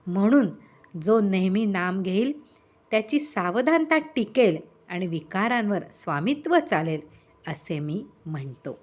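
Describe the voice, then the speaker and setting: A woman reading the lines of an elderly male saint, speaking slowly and gently in a lively storytelling reading. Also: high-pitched, heavily acted. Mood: instructive.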